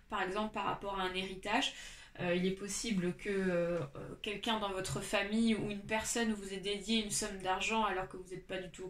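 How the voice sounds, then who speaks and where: A woman with a congested, stuffy nose from a cold gives a casual tarot reading to viewers, speaking haltingly and repeating her phrases. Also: mid-range voice, a bit bright. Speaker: tarot reader. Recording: roomy echo, distant mic, light noise.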